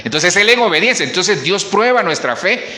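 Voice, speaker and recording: A man preaches to his congregation in a loose, conversational way, breaking off for asides and restarts. His voice sits a little high and bright, and its pitch swings widely as he makes his points. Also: big pitch swings, normal speed. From Colombia. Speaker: pastor. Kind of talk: sermon. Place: church.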